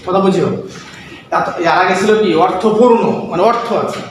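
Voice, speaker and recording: Male teacher, high voice, runs a call-and-response grammar lesson in a classroom, heard from far off in a very echoey room with steady noise. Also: moderate pace. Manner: drills students with repeated questions. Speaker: madrasa teacher.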